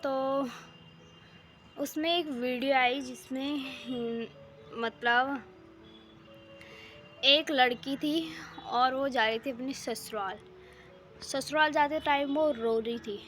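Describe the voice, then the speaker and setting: Soft background music plays as a young vlogger talks into a handheld phone outdoors on her rooftop, her voice sitting high and a bit bright. She speaks slowly with long pauses, rambling and chatty with plenty of fillers, though her throat sounds a bit sore.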